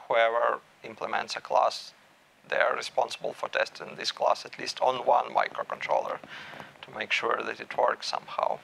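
A man in his thirties giving a technical talk at a meetup, measured and thinking aloud with small restarts. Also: medium pitch, creaky, bright, forceful tone, low-quality recording. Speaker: meetup speaker. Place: small room with stage curtains.

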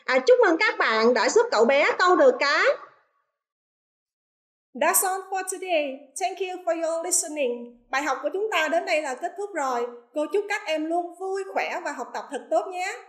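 A woman with a Vietnamese accent, an English teacher in a recorded online lesson, reading quiz items slowly and carefully. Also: very high-pitched, expressive, a bit bright.

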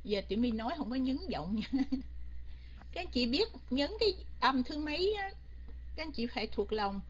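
A woman teaches an online English grammar class, quizzing her students again and again. Her voice sits a little high and has a husky edge. The lo-fi recording sounds dull and muffled. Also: very animated, moderate pace. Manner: coaxing, keeps quizzing students, mixes in English.

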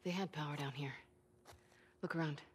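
A woman's voice: deep voice, moderate pace, slight background noise, natural voice. An actress with an American accent playing a determined young woman survivor in a video game, speaking in an earnest, clipped way. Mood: focused. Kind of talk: video game drama acting.

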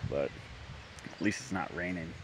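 A man's voice: deep voice, moderate pace. Rambling man vlogging outdoors in wind. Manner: rambling, candid, frequent "like" and restarts. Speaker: bikepacking vlogger. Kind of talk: casual trail vlog to camera. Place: outdoors at a rural campground, wind.

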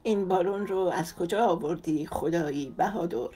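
A woman's voice: lowish voice, warm tone, slightly rough. A woman voicing a mischievous, mocking younger man who jokes constantly, in an audiobook. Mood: teasing. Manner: mocking, playful.

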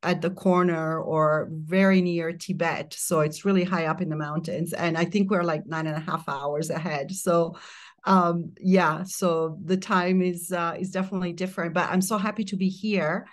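Italian-born woman in middle age, low pitched, calm reflective interview guest. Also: normal speed. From Italy. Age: middle-aged. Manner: calm, reflective, speaks in long flowing phrases. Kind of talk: casual interview chat. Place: remote mountain home, remote interview.

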